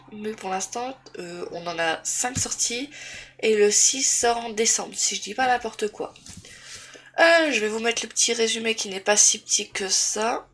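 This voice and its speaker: A booktuber congested with a cold and a sore throat rambles casually about books in a review vlog, full of fillers and restarts. Her voice is fairly high-pitched with a fairly bright tone.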